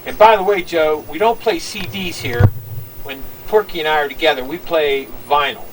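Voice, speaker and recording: A radio disc jockey with a fairly high voice hosts an oldies show in fast, upbeat, chummy patter. He sounds slightly off-mic and recorded from a distance, with a light hiss from an old broadcast tape in the background.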